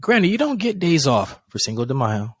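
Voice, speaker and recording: Guy on a podcast, animated and swearing a lot, middle pitch, dry close sound. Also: moderate pace, slightly rough, no room sound. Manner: animated storytelling, acts out quoted dialogue, swears casually. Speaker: podcast co-host. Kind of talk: casual chat.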